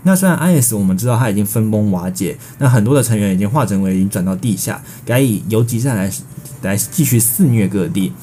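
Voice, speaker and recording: With a fairly low, mellow voice, this man reads breaking news briskly and expressively in Taiwanese-accented Mandarin, improvising bridges around a semi-scripted text. He repeats filler phrases and restarts words mid-sentence, and faint music plays behind him.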